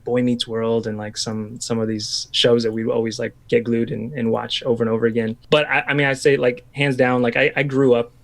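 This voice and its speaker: A man in his thirties from Washington state talks as a podcast guest, his voice gravelly with a narrow, level pitch. He muses aloud, circling back and restarting his thoughts. He sounds like a pastor in casual conversation. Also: level tone, a little fast, hardly any pauses. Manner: chatty, reflective, full of restarts and fillers.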